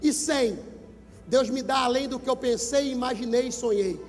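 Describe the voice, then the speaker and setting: At a youth event in a large gymnasium, a Brazilian Portuguese-accented pastor preaches emphatically into a handheld mic, repeating numbers and urging listeners to shout. His male voice is very high-pitched at normal speed, with long reverb and soft background music.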